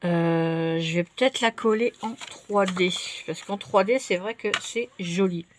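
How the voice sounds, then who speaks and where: A woman chatting casually while she crafts at her table, relaxed and full of fillers. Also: lowish voice, a little slow, background noise. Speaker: craft vlogger.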